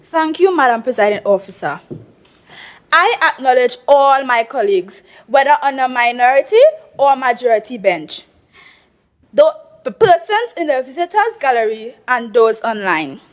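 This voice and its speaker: A Tobagonian woman with a high, clear voice delivers a formal speech in an assembly chamber. She is measured and oratorical, and drops into local dialect to land a point. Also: expressive. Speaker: youth assembly member.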